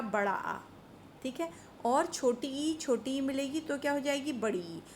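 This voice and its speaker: A woman teacher giving a Sanskrit grammar lesson to students, patiently asking questions and answering them herself, and chanting short rhyming rules slowly. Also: on the high side, slight background noise.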